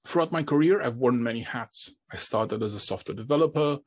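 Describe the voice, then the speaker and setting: Husky-voiced man giving a talk. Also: medium pitch, fairly quick. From Romania. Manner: repeats words and restarts phrases often. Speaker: conference speaker. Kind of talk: conference presentation.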